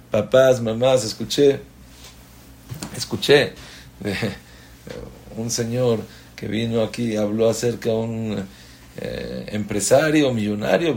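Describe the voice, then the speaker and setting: Impassioned man preaching. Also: medium pitch. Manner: impassioned, preaching with strings of rhetorical questions. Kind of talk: Torah class sermon.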